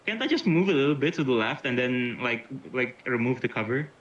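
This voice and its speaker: A man's voice: medium pitch, animated, fairly quick, fairly bright tone. A man playing in a tabletop game, talking casually and hesitantly, often restarting and swearing. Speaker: player. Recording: dull lo-fi mic.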